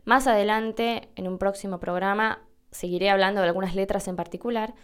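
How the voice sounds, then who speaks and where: A woman's voice: mid-range voice, fairly even intonation, a little fast, smooth. A woman from Argentina with an Argentine accent, hosting a casual, chatty podcast on Spanish pronunciation and demonstrating sounds herself. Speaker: podcast host teaching Spanish.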